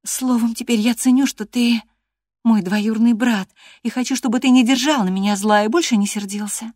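A proud, stubborn young woman, as a female audiobook reader puts her on presses her point in a high, insistent voice. The recording is dry and close, with no room sound. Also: steady tone, moderate pace, darkish tone, no echo, lightly acted. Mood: coaxing.

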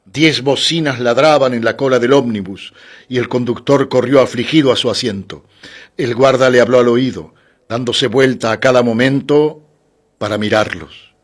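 A man giving a calm, scripted reading of a literary short story. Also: mid-range voice, normal speed. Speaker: audiobook narrator.

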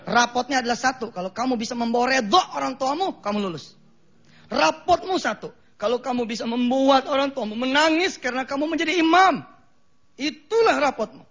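Middle-aged guy preaching in a mosque, jakarta betawi accent, high voice, jokey and animated, dull lo-fi broadcast sound. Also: a little fast. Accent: Betawi-flavored Jakarta Indonesian. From Indonesia. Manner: lively, jokey, acts out quoted voices, laughs at own jokes. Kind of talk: sermon.

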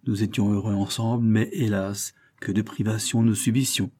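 A man narrating an audiobook in a measured, expressive storytelling manner. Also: lowish voice.

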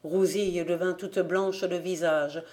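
A woman narrating an audiobook of a classic novel as a volunteer reader, reading in a steady, measured literary way. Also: lowish voice.

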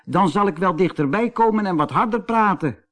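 A man doing a squeaky cheeky rabbit. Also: animated, a little slow, a little mellow. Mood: puzzled, indignant. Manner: squeaky, bossy and pleading by turns. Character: cheeky, boastful young male rabbit trickster.

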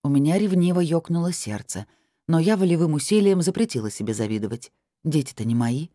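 A woman's voice: low-pitched, animated, brisk, dark tone, dry recording, studio quality. A woman narrating a novel in the first person with a wry, ironic manner. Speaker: audiobook narrator.

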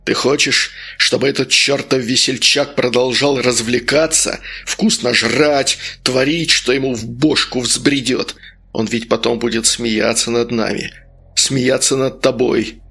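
A man's voice: medium pitch, fairly even intonation, a little slow, creaky, bright, forceful tone, husky, full character voice. A man voicing a stern, cruel male sorcerer who coaxes and orders in an audiobook. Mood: stern, persuasive. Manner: stern, coaxing, harsh barks.

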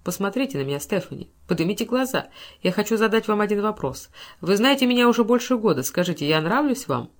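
Gentle wealthy middle-aged man, admiring, coaxing, audiobook figure, read by a woman. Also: medium pitch, very animated, fast, natural voice.

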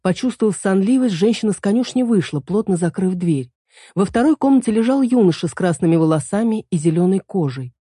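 A woman calmly narrating an audiobook in an even reading manner. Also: mid-range voice, fairly quick, breathy edge, no room sound, clean studio sound.

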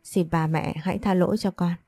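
A woman's voice: on the low side, steady tone, brisk, dark tone, no echo, faint music behind, natural voice. A woman reading the lines of a stubborn, deceitful young man in a storybook, with an insistent manner. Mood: pleading.

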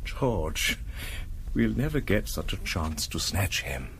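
An actor playing a brisk, eager intelligence field operative, urgent and informal, in a screen drama. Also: male voice, sits low, very animated, creaky, a bit bright, slight background noise, heavily acted. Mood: urgent, pressing.

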